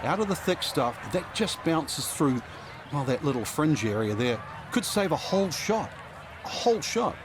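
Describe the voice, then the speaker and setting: A man's voice: fairly high pitch, very animated, moderate pace. A man playing a golf commentator in a video game, giving conversational, explanatory analysis. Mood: analytical. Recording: outdoor course ambience and crowd noise. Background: outdoor crowd ambience.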